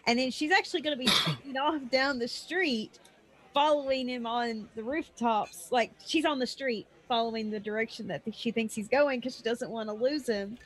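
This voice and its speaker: A woman's voice: fairly high pitch, moderate pace, rough recording. A woman playing a tabletop game in casual chat, eagerly narrating what her character does. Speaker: player.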